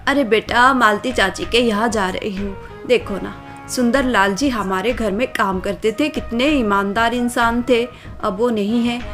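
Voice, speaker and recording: A woman's voice: on the high side, a little slow, a bit bright. A woman voicing a caring middle-aged village mother who speaks in an affectionate, coaxing way, over faint music.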